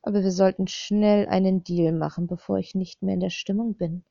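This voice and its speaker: A woman's voice: mid-range voice, steady tone, normal speed, gravelly, warm tone, no echo, lightly acted. A woman voicing a man who stalks and threatens a young woman, mocking and coaxing in turn, on a slightly dull recording.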